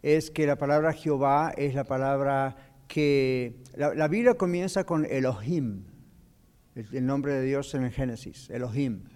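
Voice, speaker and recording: A man's voice: on the high side, darkish tone. A man teaching a Bible class as pastor, explaining patiently and slipping in English phrases. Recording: long church hall reverb.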